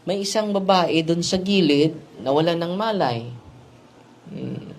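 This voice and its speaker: A man's voice: a little high, unhurried. A man, a priest telling a story in a sermon and often ending his sentences with a questioning "no?". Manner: storytelling, with frequent "no?" tag questions.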